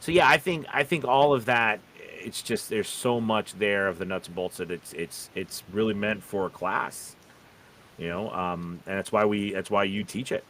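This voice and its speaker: Rambling man hosting live, lowish voice. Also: fairly even intonation, normal speed, a bit bright, a little hiss or hum. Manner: rambling, repeatedly checking in with "you know" and "right". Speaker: live show host. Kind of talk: casual live stream chat.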